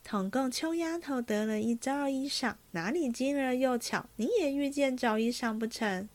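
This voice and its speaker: A woman's voice: high voice, moderate pace, darkish tone, natural voice. Sheyue, a woman reading a shrewd practical maid. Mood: wry.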